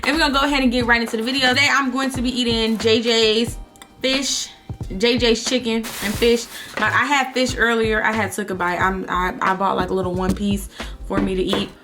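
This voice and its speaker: A woman's voice: on the high side, level tone, a little fast, music in the background. A young adult woman talking casually to camera as a vlogger, sharing personal advice. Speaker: mukbang vlogger.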